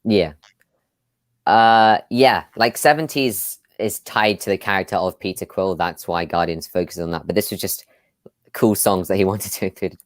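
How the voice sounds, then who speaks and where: A man's voice: deep voice, normal speed, dry recording. A man hosting a casual live discussion over a video call, chatty, with many fillers and frequent laughs. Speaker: host.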